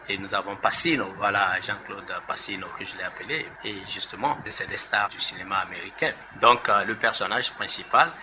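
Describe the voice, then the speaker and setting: A middle-aged man with a fairly low voice talks easily and loosely, pausing with small fillers as he thinks. He grew up in Togo. The recording carries a clear hiss of background noise behind him. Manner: relaxed, conversational, with hesitations. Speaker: author and university lecturer. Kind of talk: recorded interview.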